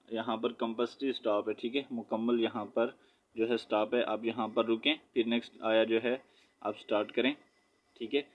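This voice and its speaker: A man teaching Quran recitation, sounding out each letter and vowel slowly before blending the word, with quicker explanatory asides. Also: medium pitch. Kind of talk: slow spelled-out Quran recitation lesson. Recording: dull lo-fi audio.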